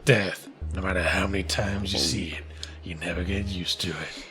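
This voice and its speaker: A man's voice: steady tone, pushed and bright. Man putting on a world-weary noir cop narrator. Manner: slow, low, world-weary drawl. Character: gruff hardboiled male noir cop narrator.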